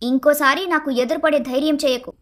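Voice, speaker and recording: Cartoon story: a woman as a blunt, scolding young wife, high voice. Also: steady tone, brisk, natural voice. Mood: angry. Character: young married woman, sharp-tongued and feisty. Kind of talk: Telugu storybook cartoon dialogue.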